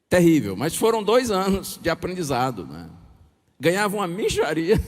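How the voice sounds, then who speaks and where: A middle-aged man from Bahia, Brazil, telling a personal story in a sermon as pastor and acting out the dialogue. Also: a little high. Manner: lively anecdotal storytelling with chuckles and acted dialogue. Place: large hall or church with audience. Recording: preacher in a reverberant hall.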